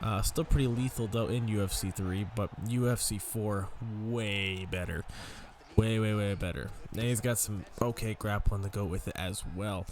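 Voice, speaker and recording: A man's voice: lowish voice, steady tone, normal speed, hardly any pauses, noisy background. A young man hosting a gaming channel, rambling tiredly and casually through his game commentary, swearing now and then and yawning. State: sleepy, yawning.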